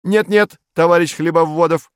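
A man doing a shrill fussy pedant. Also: animated, normal speed, clear, resonant tone, no echo, clean studio sound, lightly acted. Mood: lecturing. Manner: pedantic, lecturing, insistent. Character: fussy pedantic male official, shrill and lecturing.

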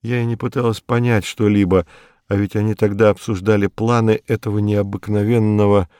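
A man narrating a literary audiobook in a measured, calm way. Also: on the low side, clean tone, dry recording, studio quality. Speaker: audiobook reader.

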